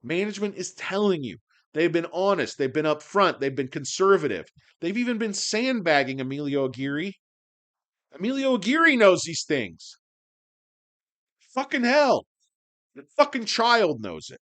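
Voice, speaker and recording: A man's voice: sits high, very animated, normal speed, a bit bright. A man in his forties hosting a stock livestream, ranting in a profane, sarcastic, rambling way with many fillers. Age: 40s. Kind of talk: profane casual livestream rant.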